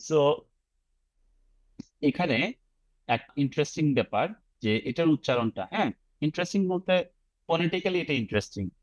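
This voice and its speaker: Running an online IELTS lesson, a Bangladeshi-accented man splits words into individual sounds, takes them syllable by syllable, and has students echo him, weaving English phrases into his explanations. He speaks at normal speed in a fairly high, animated voice, pausing at length, on a dry recording.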